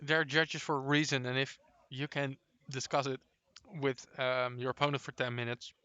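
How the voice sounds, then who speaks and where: A man with a bright, smooth, crisp voice, calmly commentating a tabletop wargame. He talks in a measured way, explaining the rules. The sound is close and dry. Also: medium pitch, dry recording, lo-fi sound.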